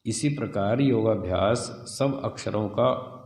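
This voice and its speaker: A man teaching a scripture class, reading a passage and explaining it slowly, sounding out letters one by one. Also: lowish voice, a little mellow, roomy sound, long reverb tail. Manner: slow, deliberate, spells out sounds and letters. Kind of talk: explanatory lesson reading and commenting on a text.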